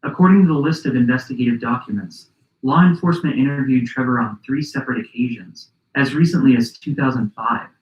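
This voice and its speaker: A man hosting and narrating a documentary podcast in a measured, reflective scripted style. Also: mid-range voice, roomy sound, low-quality recording.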